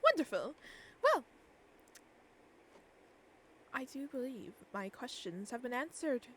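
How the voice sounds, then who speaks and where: A woman's voice: high voice, wildly swooping pitch, slow pace, a bit bright, a little hiss or hum. A woman streamer speaking in character during game role-play, hesitant and searching for words as she goes. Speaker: streamer playing a shopkeeper character.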